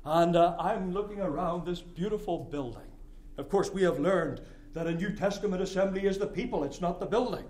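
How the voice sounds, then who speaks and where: A middle-aged man from Scotia, preaching a sermon, emphatic and rhythmic, swinging from loud declarations to quiet asides. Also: high-pitched, fairly quick. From Nova Scotia, Canada.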